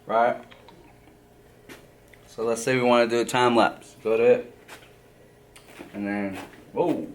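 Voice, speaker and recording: A man's voice: medium pitch, fairly even intonation, slow pace, long pauses, a little hiss or hum. A man, a barber, giving a casual step-by-step how-to, often tagging his points with "right?". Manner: walks through steps, tags lines with "right?".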